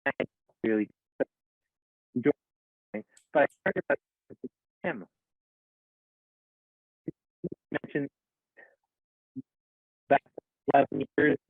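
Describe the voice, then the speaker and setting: A man speaking haltingly as a guest on a video call, his audio breaking up and dropping in and out. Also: mid-range voice, expressive, slightly rough, no echo. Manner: halting, hesitant delivery with restarts. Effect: choppy call audio breaking up and dropping in and out. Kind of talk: casual conversation. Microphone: computer microphone on a video call. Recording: tinny phone-like video call, dry.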